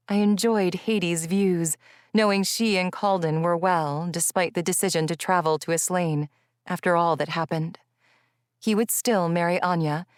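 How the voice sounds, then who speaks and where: Female audiobook narrator, first person, measured reflective delivery, slightly low, dry studio sound. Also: dry recording.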